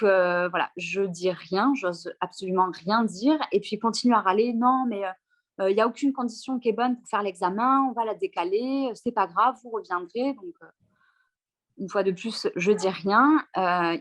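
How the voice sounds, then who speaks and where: A woman giving a spoken personal testimony, hesitant and full of fillers and restarts as she retells a painful experience. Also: medium pitch. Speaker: interviewee sharing a personal experience.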